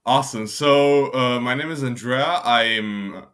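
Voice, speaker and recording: A man's voice: mid-range voice, takes it slowly, fairly bright tone. A young man from Albania, answering interview questions in a rambling, casual way with frequent restarts. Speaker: guest.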